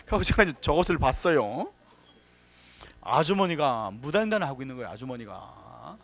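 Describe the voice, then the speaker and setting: A man's voice: mid-range voice, big pitch swings, a little fast, creaky, a bit bright. A man giving a workshop lecture on safety, telling anecdotes, acting out quotes and giving emphatic warnings. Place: workshop hall.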